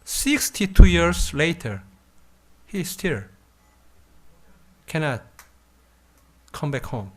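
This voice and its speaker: A man in his fifties from South Korea with a Korean accent, giving a university lecture in a halting, thoughtful way with frequent pauses. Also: a little high, big pitch swings. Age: 50s. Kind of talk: classroom lecture.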